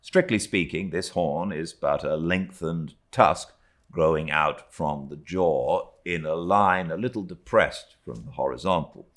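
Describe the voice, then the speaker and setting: A deep-voiced British audiobook narrator reads classic literature aloud, taking the long sentences slowly. His delivery is theatrical, his pitch rising and falling in a lively way.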